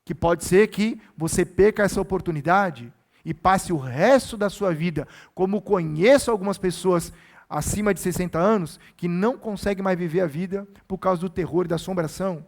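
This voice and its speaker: High-voiced man preaching earnestly. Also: darkish tone. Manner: earnest, exhorting, repeats key phrases. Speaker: pastor. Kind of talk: sermon.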